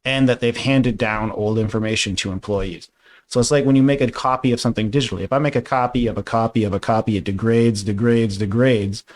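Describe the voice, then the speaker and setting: A man's voice: mid-range voice, fast. A young man from New Brunswick, Canada, talking bluntly as a guest in a casual interview. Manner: relaxed, conversational, blunt.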